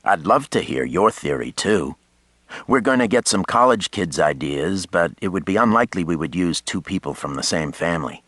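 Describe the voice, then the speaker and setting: A man's voice: deep voice, lively intonation, moderate pace, fairly bright tone, no echo. A man voicing a charming, easygoing journalist of about thirty in an audiobook, wry and teasing. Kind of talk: audiobook character voice.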